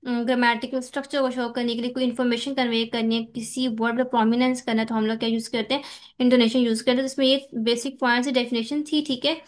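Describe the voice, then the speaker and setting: A woman with a Pakistani accent teaching a lecture. She explains from a text in Hindi-Urdu mixed with English terms, reads English lines slowly, and often checks in with "theek hai". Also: fairly high pitch.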